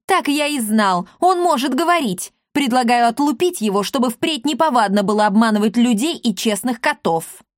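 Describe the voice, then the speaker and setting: A woman voicing a brash male talking cat who shouts and boasts. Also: a little high, normal speed, dry recording, studio quality, lightly acted. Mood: shouting. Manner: shouting, excited.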